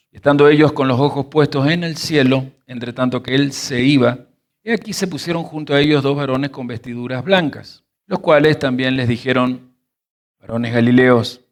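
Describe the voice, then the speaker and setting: A man teaching a sermon. He reads verses, then explains word roots slowly and quizzes his listeners. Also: mid-range voice. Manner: animated, stretches key words slowly. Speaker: pastor teaching scripture.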